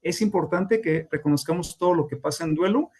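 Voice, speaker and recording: A man's voice: a little high, brisk, a little mellow, husky. A man lecturing on grief as a therapist, explaining steps and acting out clients' voices in quotes. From Mexico. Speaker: grief therapist teaching a class.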